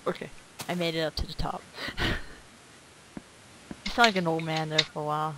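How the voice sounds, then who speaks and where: A woman's voice: low voice, fairly even intonation, measured pace, pauses often. A woman chatting playfully while playing a game with friends, cooing at the animals she finds. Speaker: gamer. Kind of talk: casual chat while playing. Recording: noisy home voice-chat recording.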